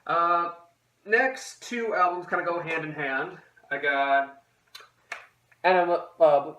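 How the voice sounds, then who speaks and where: A man's voice: fairly high pitch, slow, pushed and bright, slight background noise. A young man chatting casually and loosely to camera as the host of a vlog, rambling as he goes. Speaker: host of a music collection video series. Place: echoey indoor room. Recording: very echoey room, distant mic.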